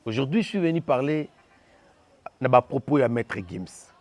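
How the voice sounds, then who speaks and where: A Congolese man delivers impassioned opinion commentary in a medium-pitched voice, talking fast, repeating himself, and switching between French and Lingala. There's no echo on the recording.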